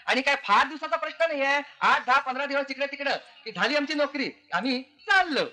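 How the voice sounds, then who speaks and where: An actor playing a cheeky young graduate posing as a servant, joking and wheedling. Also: male voice, extremely high pitch, lively intonation, a little fast, sharp tone, exaggerated voice. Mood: jokey. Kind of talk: 1970s film comedy acting.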